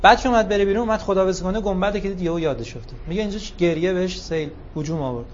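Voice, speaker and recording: Male preacher, higher voice, lively storytelling emphasis, dull lo-fi recording with faint hiss. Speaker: religious speaker. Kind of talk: sermon with storytelling.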